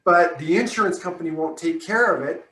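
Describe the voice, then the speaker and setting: Man, roofing contractor, casual talk, slightly high voice, distant from mic, echoey room. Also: brisk, bright, forceful tone. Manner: chatty, tags statements with "right?". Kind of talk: casual conversational discussion. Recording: roomy sound from off the mic.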